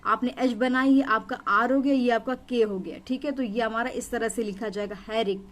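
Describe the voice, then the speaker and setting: Young adult woman, shorthand tutor, slightly high voice, patient and repetitive, checks in often. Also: fairly even intonation, brisk. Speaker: stenography teacher. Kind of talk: explanatory tutorial lesson.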